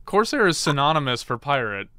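A man's voice: a little high, big pitch swings, fairly quick, bright, forceful tone, no echo, studio quality. A man in his twenties hosting a college radio interview in a rambling, playful, casual style with mock-dramatic asides. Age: 20s. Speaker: college radio show host.

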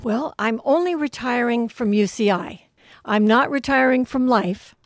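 Guest: upbeat woman in her sixties, bright, slightly high voice, very dry close sound, chatty with "uh" fillers. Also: measured pace, no room sound. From Wyoming, USA. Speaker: retiring university administrator, guest. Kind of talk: casual radio interview.

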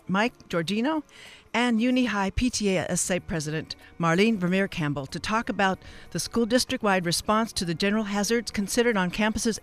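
On a live radio interview show, the woman host has a mid-range voice and a wordy, faltering style that keeps straying into tangents.

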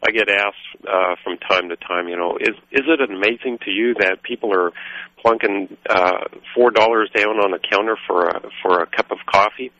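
Deep bright-toned guy from guatemala rambling on about his craft, dry dull radio sound. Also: no room sound. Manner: rambling, halting, full of fillers. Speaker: coffee roaster, guest. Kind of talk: radio interview.

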